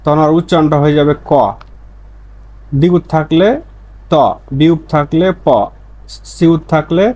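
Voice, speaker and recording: A man's voice: a little high, level tone, normal speed, long pauses, darkish tone. A man teaching a pronunciation lesson, patiently repeating examples and answering his own questions. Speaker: language teacher.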